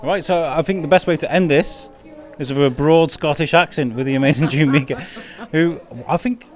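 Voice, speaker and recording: A man's voice: on the high side, normal speed, music in the background. A man hosting a casual podcast interview in a rambling, appreciative way. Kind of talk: casual chat. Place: busy wellbeing festival venue. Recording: outdoor-like hubbub of festival crowd. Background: crowd chatter.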